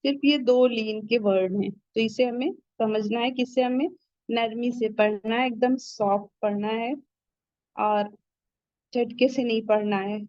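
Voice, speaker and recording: A woman's voice: fairly high pitch, fairly even intonation, darkish tone, no room sound, muffled recording. A woman teaching a Tajweed lesson. She speaks patiently, repeats each point, and models sounds syllable by syllable. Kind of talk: online Quran recitation lesson.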